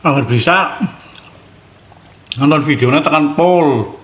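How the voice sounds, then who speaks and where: A man's voice: on the high side, slow. A man with a Banyumasan Javanese accent hosts a casual mukbang, talking as he eats meatball soup. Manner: eating bakso soup while talking. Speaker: mukbang video host. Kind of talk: casual eating-show chat. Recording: echoey room with clear background noise.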